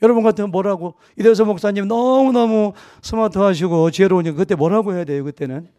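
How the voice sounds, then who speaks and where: A middle-aged man, a pastor preaching a sermon, telling a humorous personal story and acting out the dialogue with lively shifts of voice. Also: high-pitched, quick pace, no room sound. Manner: anecdotal and humorous, acting out dialogue in a wide-ranging voice.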